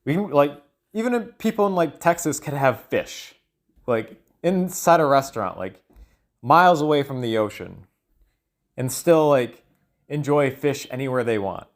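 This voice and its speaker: For his solo audio log, a man talks through ideas in a loose monologue, his medium-pitched voice lively in intonation and moderate in pace. He's hesitant, often tapering off while searching for words.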